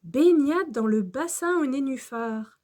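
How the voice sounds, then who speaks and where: A woman storyteller reading a children's storybook aloud in a slow, gentle manner. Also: sits high, expressive.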